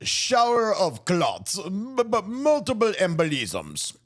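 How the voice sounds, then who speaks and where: A man voicing a male doctor with a thick Eastern European accent, speaking slowly and gravely. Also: sits high, huge pitch swings, fairly bright tone, pitched above the performer's own voice, heavily acted.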